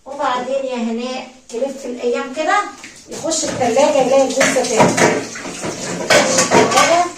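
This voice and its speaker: A woman's voice: high voice, steady tone, fast talker, reverberant, recorded from a distance, heavy background noise. Chatty Egyptian woman telling a story. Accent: Egyptian Arabic. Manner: chatty, addresses listeners directly. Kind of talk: casual spoken storytelling.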